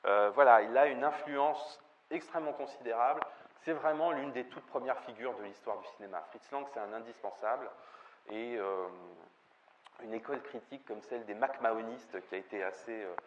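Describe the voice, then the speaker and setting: A man lecturing about cinema at a middle pitch, stopping often to search for words and starting phrases over. The recording is dull and lo-fi, with faint ambient noise underneath. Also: moderate pace. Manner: hesitant, many fillers and restarts. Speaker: film lecturer. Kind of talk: spoken film lecture.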